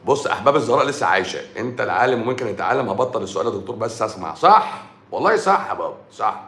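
Egyptian male doctor, rapid mocking livestream rant, echoey room sound. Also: lowish voice, sing-song, a bit bright. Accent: Egyptian Arabic. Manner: sarcastic, mocking, scolding. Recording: roomy echo.

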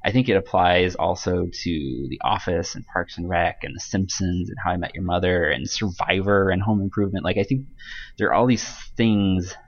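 A man's voice: low-pitched, moderate pace, dull audio. A man talking casually on a podcast as a guest author, hesitant and rambling, with frequent ums and restarts.

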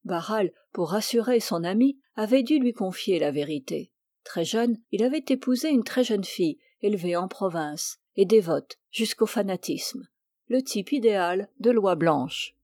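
A woman narrating a classic novel as an audiobook, reading in a measured, expressive way. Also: mid-range voice, no room sound, studio quality.

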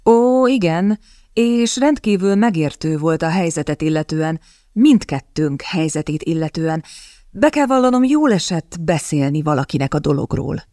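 A woman reading the part of a sulky, cowardly young gentleman who whines and stammers. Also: low voice, lively intonation, no room sound, studio quality. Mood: flustered. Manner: whiny, stammering.

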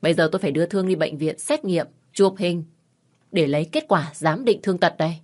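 A woman voicing a calm, confident young male lawyer who speaks in a measured, coolly threatening way in an audio story. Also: lowish voice, lightly acted.

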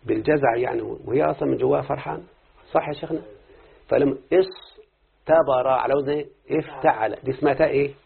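A man with an Egyptian accent teaching an Arabic grammar class, lively and constantly quizzing his students with questions. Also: mid-range voice, fast talker, creaky. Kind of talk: classroom lesson. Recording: tinny lo-fi phone-like recording.

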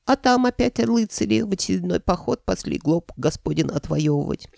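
A sly left head of a three-headed dragon chats in a piping falsetto. Its mellow, gravelly tone comes from close up in a dry recording. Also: male voice, expressive, moderate pace, no room sound, heavily acted. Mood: chatty. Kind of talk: audiobook character voice.

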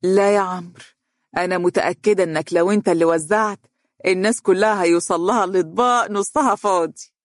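A warm middle-aged mother from an audiobook story, speaking in Egyptian dialect with affection and a light teasing tone, as the narrator puts her on. Her voice sits a little higher than the narration, and the recording is dry and close. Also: quick pace, dry recording, natural voice.

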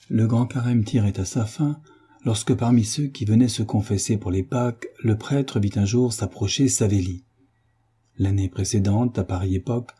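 A man narrating a novel aloud in a measured, even reading. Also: fairly low pitch, breathy edge. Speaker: audiobook narrator.

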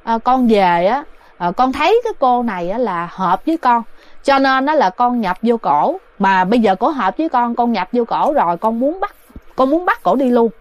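A woman's voice: on the high side, animated, normal speed, no room sound, close to an everyday voice. A woman voicing a young wife possessed by a drowned man's ghost, talking in a frantic, pleading way, in a storybook ghost tale.

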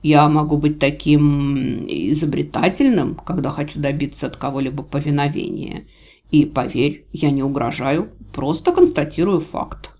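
A woman reading a storybook aloud takes on the voice of a cruel villain god, drawling his threats with slow, silky, menacing calm and mockery. This audiobook character voice sits low and comes a little louder than her narration.

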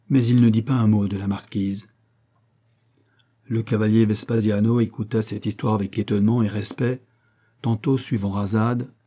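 A man reading a classic French novel aloud in a measured, even narration. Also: lowish voice, breathy edge. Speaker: audiobook reader. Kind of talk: literary narration.

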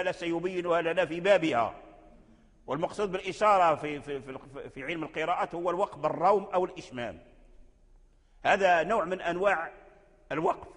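A man with a Moroccan accent teaching Quranic recitation rules in a classroom lecture, explaining patiently with repetitions and restarts and now and then chanting verses slowly. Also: on the high side, fairly bright tone, long reverb tail.

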